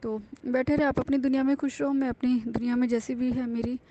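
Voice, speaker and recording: High, mellow-voiced woman giving earnest thanks. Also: little pitch movement, brisk, dull audio. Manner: earnest, confiding, with frequent fillers and restarts. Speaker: devotee sharing a testimony. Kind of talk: personal devotional testimony, casual.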